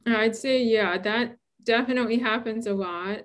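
A woman's voice: on the high side, moderate pace. A woman in her thirties from Brooklyn, a scientist answering interview questions in a chatty way and laughing often. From Brooklyn, New York. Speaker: guest scientist.

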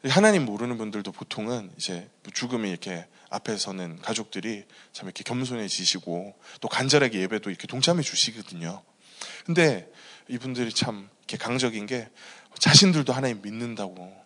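A man's voice: fairly low pitch, animated, fairly quick, a bit bright, big-room sound. A male pastor preaching a sermon and telling a personal story in an earnest way. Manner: earnest storytelling, many fillers.

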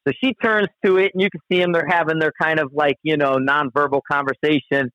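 A man's voice: a little high, steady tone, fairly quick, no room sound. A man telling a long outdoor story in casual conversation, rambling and profane, with frequent restarts. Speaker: guest storyteller. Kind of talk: casual spoken anecdote. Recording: dull, dry lo-fi recording.

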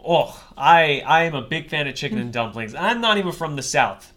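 A man's voice: on the high side, lively intonation, moderate pace, sharp tone. A man co-hosting a podcast in casual, rambling, wry chat, swearing freely. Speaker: podcast co-host.

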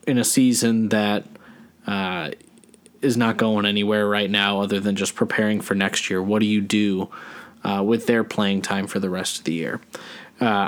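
A man co-hosting a podcast, talking sports in a rambling, casual way with lots of fillers and restarts. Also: lowish voice. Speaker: podcast co-host.

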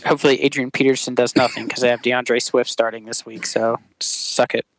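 A man in a casual chat breaking down fantasy matchups in a relaxed, trash-talking way. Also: mid-range voice, brisk, rough recording. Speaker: fantasy league member on podcast.

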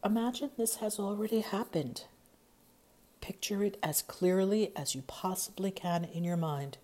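Woman, guided meditation narration, dark mellow tone, slow pacing, hypnotic, soothing, long pauses, soft breathy phrase endings. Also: medium pitch.

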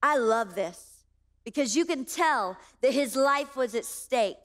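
A woman's voice: high-pitched, expressive, slow pace, a bit bright. A woman in her thirties preaching a sermon, impassioned and emphatic, building through repeated phrases. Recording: long hall reverb.

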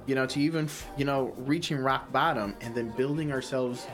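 A man's voice: mid-range voice, fairly quick, over music. A man hosting a spiritual discussion, explaining ideas earnestly and leaning on "you know".

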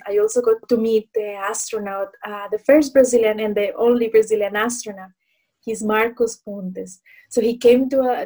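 A woman, answering interview questions thoughtfully and pausing to search for words. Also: medium pitch, darkish tone. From Colombia. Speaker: guest.

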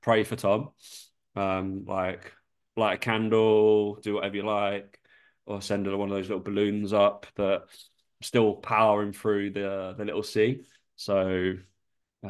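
This co-host's voice sits on the low side with a clean tone, his nose slightly stuffy from a lingering cold. He chats casually on the podcast, swearing freely and laughing often.

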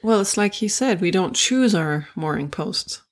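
A woman with a mid-range voice joins a relaxed book discussion. She is soft-spoken and thoughtful, often answering with short agreements before building on a point. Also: mid-range voice, a little slow. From Germany. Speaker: podcast co-host.

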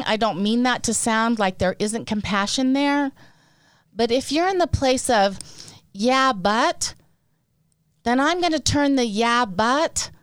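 A woman co-hosts a podcast, and she talks slowly and earnestly, leaning into her points with feeling. Her voice is slightly high and smooth, and it is recorded dry and close. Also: no room sound. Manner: earnest, emotional, emphatic. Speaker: podcast co-host. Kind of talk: heartfelt casual podcast talk.

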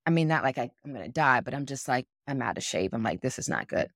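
A woman in her forties, co-hosting a podcast and telling a story in a frank, animated way, acting out what others said. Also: rumbling low, fast talker, no room sound, studio quality. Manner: animated, acts out other people's words; frank, swears casually. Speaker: podcast co-host. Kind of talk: casual storytelling.

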